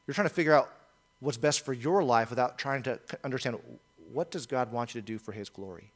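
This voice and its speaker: A man's voice: mid-range voice, brisk. A male pastor preaching a sermon in an earnest, emphatic way, often repeating key phrases.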